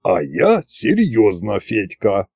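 A man voicing a gruff old male tsar, Koschei, who grumbles slowly in a low, gravelly voice. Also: huge pitch swings, darkish tone, no echo, clean studio sound, heavily acted. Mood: grumbling. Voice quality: gravelly, slow.

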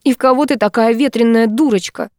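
A woman's voice: a little high, fairly quick, a little mellow, no room sound, studio quality, pitched above the performer's own voice, natural voice. A woman reading an audiobook, voicing a young woman friend who sobs and scolds at once. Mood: scolding. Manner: scolding, sobbing. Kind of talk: audiobook character voice.

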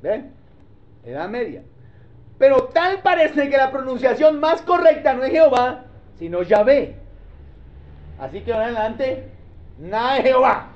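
A man's voice: very high-pitched, sing-song, measured pace, pauses often. A male pastor, teaching a sermon in a conversational way and often checking that the congregation follows. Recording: dull lo-fi sermon recording.

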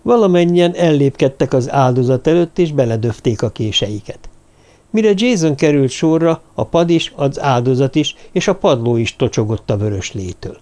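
Dark-voiced male audiobook narrator. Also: mid-range voice, animated. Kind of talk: scripted narration.

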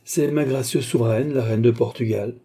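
A man voicing a cold, haughty Portuguese male schemer in an audiobook, raised in pitch and delivered with icy self-importance. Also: moderate pace, mellow, slightly rough. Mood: proud.

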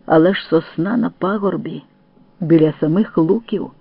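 A man reading a first-person story aloud as an audiobook narrator, in a steady storytelling manner. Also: a little high, normal speed, vocal fry, no room sound. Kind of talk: scripted narration. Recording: tinny phone-like dry sound.

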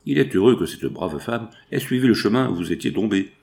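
A man voicing a calm country doctor reassuring his patient. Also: fairly low pitch, fairly quick, vocal fry.

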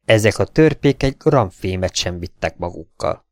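A man reading the part of a calm, commanding spaceship captain in an audiobook. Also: on the low side, no echo, natural voice.

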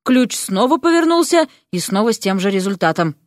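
A woman narrating a fantasy story in an expressive, lively reading. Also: mid-range voice, a little fast, dry recording, clean studio sound. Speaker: audiobook narrator.

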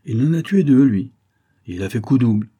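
A man's voice: mid-range voice, animated, moderate pace, warm tone, breathy edge, voice pushed up. A man voicing an eager, boastful young farmhand who talks in a rustic way, in a read-aloud storybook. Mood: confiding.

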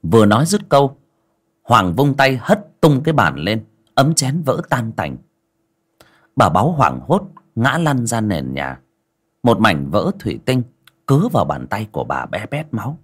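A man narrating an audio story with an expressive, dramatic delivery. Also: on the low side, unhurried, breathy edge.

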